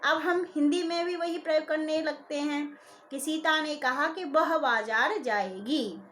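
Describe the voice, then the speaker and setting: High-voiced woman lecturing clearly. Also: unhurried, fairly bright tone, soft background music. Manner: clear and explanatory, stressing terms. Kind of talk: recorded lesson.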